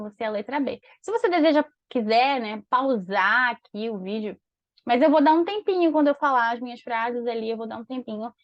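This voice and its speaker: High-voiced Brazilian woman teaching English. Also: dry recording. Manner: explains in Portuguese, reads English lines slowly and clearly. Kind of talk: online English lesson with dialogue practice. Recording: dull, dry lo-fi sound.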